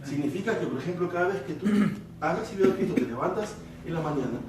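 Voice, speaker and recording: A man's voice: fairly high pitch, animated, fast talker, background noise. A man preaching a Bible study sermon, explaining verses and checking in with his listeners with frequent rhetorical questions. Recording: echoey room, voice from a distance.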